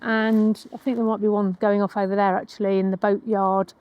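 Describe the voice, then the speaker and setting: A woman's voice: medium pitch, little pitch movement, brisk, dull audio. A woman chatting casually and enthusiastically as a travel vlogger, recorded outdoors on a day out. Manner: enthusiastic, laughs easily. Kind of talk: casual chat. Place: outdoors at a museum.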